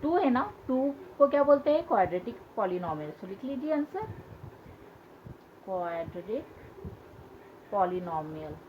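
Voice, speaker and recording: A woman's voice: high voice, sing-song, brisk, few pauses. A woman teaching a school maths lesson, patiently repeating key points and asking questions as she explains. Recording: dull lo-fi sound with faint hiss.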